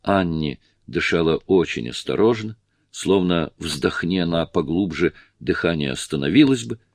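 A man reading a novel aloud in steady, measured audiobook narration. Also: sits low. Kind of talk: scripted narration.

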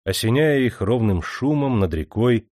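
Guy reading an audiobook, expressive and lively, dry close sound. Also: medium pitch, moderate pace, no echo. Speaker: audiobook narrator. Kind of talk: scripted audiobook narration.

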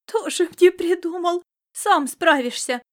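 A woman voicing a loud, bossy peasant mother who scolds and fusses in folksy speech. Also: very high voice, slow, voice pushed up. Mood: loud lamenting. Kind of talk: audiobook character reading.

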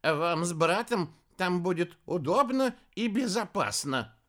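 A man voicing a mild, absent-minded old granny witch who speaks slowly. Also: sits high, very animated, fairly bright tone, pitched above the performer's own voice, exaggerated voice. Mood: mild, puzzled. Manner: slow, puzzled and mild.

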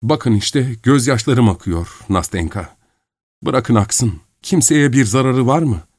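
A man's voice: mid-range voice, lively intonation, slow, a little mellow, husky, dry recording, studio quality, pitched above the performer's own voice. A man reading a novel aloud, giving heartfelt, earnest lines to a lovesick young man. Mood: confessing.

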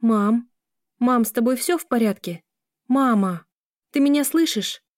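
Woman reads a shaky, tearful young girl, pitched higher than her narration, dry close sound. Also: animated, measured pace, no room sound. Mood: pleading. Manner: pleading, shaky. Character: young woman, frightened and tearful, pregnant daughter.

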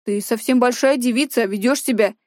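A woman's voice: fairly high pitch, fairly quick, darkish tone, dry recording, close to an everyday voice. An awkward middle-aged man speaks with forced, unsure cheerfulness, as a woman reading an audiobook does his lines. The recording is dry and close. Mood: forced cheer.

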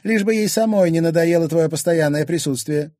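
A man reading an audiobook, voicing a jealous, sarcastic rich wife in a high, shrill, accusing voice. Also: moderate pace, darkish tone, no room sound, clean studio sound, close to an everyday voice. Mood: indignant.

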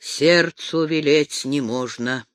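A man voicing a stern, unyielding older trapper who speaks low, grave and measured. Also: a bit bright, dry recording.

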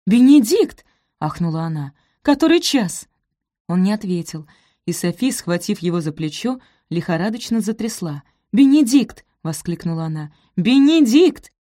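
A woman voicing an eager, emotional young woman in love, talking in breathless, high exclamations. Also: brisk, warm tone, no room sound, clean studio sound, natural voice. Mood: alarmed.

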